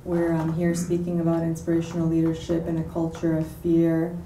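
A woman opening a bookstore panel into a handheld mic, measured and dotted with fillers. Her voice is low, dark and fairly flat. The sound is roomy and distant. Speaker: panel moderator. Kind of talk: panel discussion. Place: bookstore event. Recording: roomy, distant, light noise.

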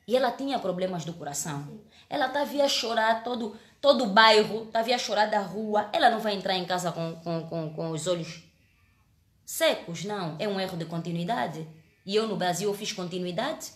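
A woman's voice: on the high side, reverberant. A woman, an actress telling a story in a casual live-stream chat, earnest and emotional, often restarting her words. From Angola.

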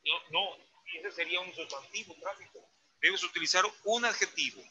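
A man's voice: high voice, brisk, bright, forceful tone, poor audio. A man teaching a Mandarin lesson, patiently correcting a student's tones step by step. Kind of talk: online language lesson.

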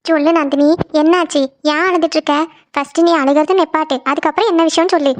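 A woman's voice: high-pitched, steady tone, fast, natural voice. A woman voicing a caring young woman who coaxes her crying friend with repeated questions in a cartoon. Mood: coaxing. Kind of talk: cartoon voice acting.

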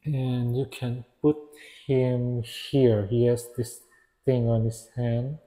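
Slow, mellow-voiced man reviewing toys. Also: mid-range voice, little pitch movement. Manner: hesitant, restarts and corrects himself. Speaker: action figure reviewer. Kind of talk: casual product review narration.

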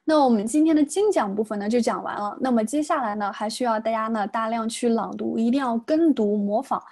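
A woman teaching English pronunciation for an exam, patiently repeating words slowly to drill them. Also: on the high side, darkish tone. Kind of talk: exam prep lesson, explaining in Chinese.

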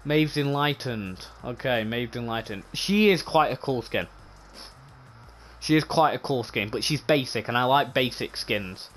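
A man giving casual, rambling commentary on game items, often repeating himself, with a voice going hoarse. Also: mid-range voice, lively intonation, unhurried, a bit bright, slight background noise. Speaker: gaming channel host.

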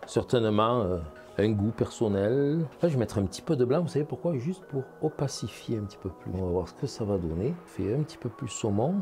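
A man's voice: mid-range voice, animated, fairly quick, mellow, soft background music. A man, a painting instructor talking casually as he demonstrates, thinking aloud and checking in with viewers. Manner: chatty, thinks aloud, addresses viewers with "hein" and "vous voyez".

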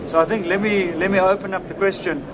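A man's voice: high-pitched, fairly even intonation, quick pace, over a noisy crowd. A middle-aged man conducting a formal interview in a wordy, emphatic way. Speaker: event interviewer. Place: indoor conference interview booth. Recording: loud trade show floor noise.

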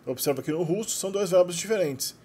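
Male teacher, slightly raised pitch, explanatory tone as he narrates his course screens. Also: fast, mellow, slightly rough. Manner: explanatory, frequent "né" tags. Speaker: language course creator. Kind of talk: screen-share lesson narration.

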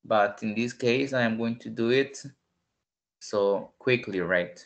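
A man's voice: mid-range voice, slow pace, gravelly, muffled recording. A man teaching an online English lesson, patiently repeating each word several times. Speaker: English tutor.

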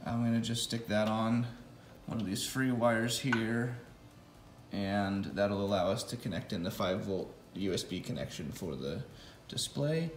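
In an unhurried way, a vlogger whose voice is on the low side casually talks through the wiring of his electric motorcycle project, thinking aloud with fillers and restarts. The close phone-camera recording from his home garage is reverberant, with a little hiss or hum.

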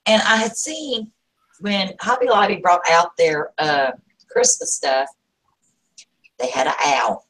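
A woman's voice: lowish voice, takes it slowly, long pauses, a bit bright, poor audio. A woman, chatting casually on a craft vlog and reading out viewer comments. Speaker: craft vlogger. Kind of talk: casual live chat.

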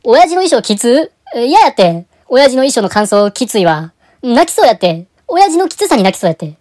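A woman voicing an eldest brother in a cartoon who fires loud comic retorts in a Kansai accent. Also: on the high side, sing-song, fairly quick. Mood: exasperated. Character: eldest brother, stern then exasperated.

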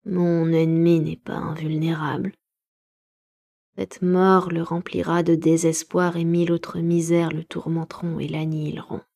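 A woman voicing a lonely, vengeful male creature in measured, menacing tones in a storybook reading. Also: sits low, little pitch movement, vocal fry, mellow, exaggerated voice.

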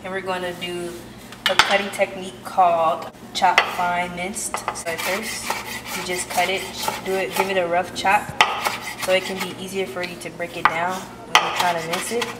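A woman's voice: on the low side, flat delivery, moderate pace, very noisy. Woman chef teaching in a kitchen. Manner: instructive, step-by-step. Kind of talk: cooking demonstration. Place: home kitchen. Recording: roomy distant camera audio with loud music. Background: loud background music.

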